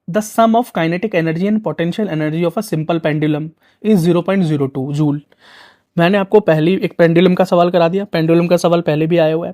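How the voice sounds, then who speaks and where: A man's voice: on the high side, mellow. A young man, teaching physics for exam prep in a chatty, coaxing way full of rhetorical questions.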